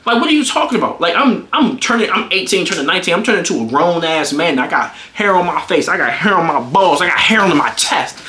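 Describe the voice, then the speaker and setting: A young man in his twenties tells a story in a casual, animated way. He swears freely, and his voice jumps high when he gets worked up. It's recorded in a room with a roomy echo. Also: brisk, hardly any pauses, a little hiss or hum. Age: 20s. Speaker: streamer.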